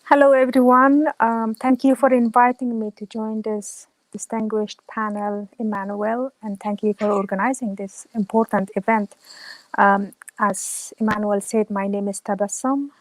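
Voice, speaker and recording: A woman's voice: mid-range voice, level tone, moderate pace, no room sound, rough recording. A woman from Afghanistan, an educator, introducing herself formally and courteously. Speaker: educator and doctoral student.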